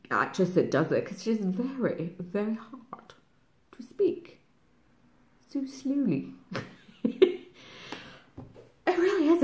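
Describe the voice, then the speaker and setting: A middle-aged Scottish woman chatting casually to camera in a fast, rambling way, laughing often. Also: deep voice, a little mellow. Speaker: craft vlogger. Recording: roomy echo.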